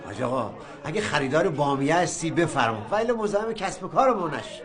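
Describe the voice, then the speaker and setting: An actor playing a proud, stubborn sweets seller in a bazaar drama, curt and quick to anger. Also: male voice, a little high, lively intonation, a crowd in the background, lightly acted. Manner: curt, then indignant and shouting.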